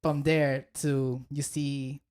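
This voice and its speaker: A woman's voice: a bass voice, slow, smooth. A woman co-hosting a podcast, chatting casually and acting out quotes. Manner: animated, acts out quotes with rising voice. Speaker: podcast co-host. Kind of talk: casual chat.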